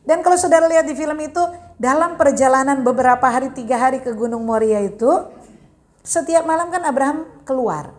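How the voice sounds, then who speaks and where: A woman pastor preaching a sermon in church, telling the story with lively acted-out voices and big swings in her delivery. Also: sits high, fairly quick.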